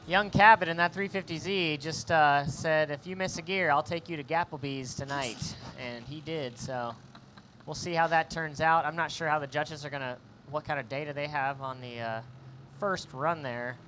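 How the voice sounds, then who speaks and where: A man giving live play-by-play commentary at a drift event, excitable and jokey. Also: on the high side, normal speed, slight background noise.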